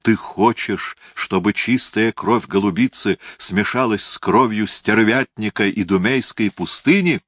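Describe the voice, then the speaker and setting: A man's voice: lowish voice, a little slow, few pauses, fairly bright tone, no room sound, clean studio sound, pitched above the performer's own voice. A man voicing a furious, cruel young prince who hurls venomous accusations in a raised, strained voice. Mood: accusing.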